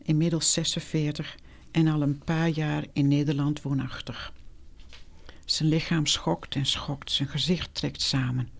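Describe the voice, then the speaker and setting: A meditation teacher telling a reflective first-person story in a calm, measured way, dropping to a whisper for quoted speech. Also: mid-range voice, vocal fry.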